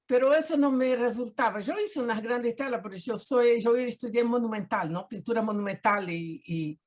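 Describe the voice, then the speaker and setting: An older woman from Brazil, interviewed casually as a guest artist via video call, talks expressively in Spanish with a Portuguese accent and keeps adding tag questions. Her fairly high voice has a darkish tone and moves at a normal speed.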